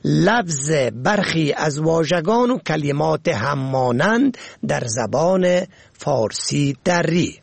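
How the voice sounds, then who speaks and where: Man, slightly high voice, husky, spells words out slowly for a scripted radio lesson. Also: no room sound. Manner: slow and careful, spelling words letter by letter. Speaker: radio presenter.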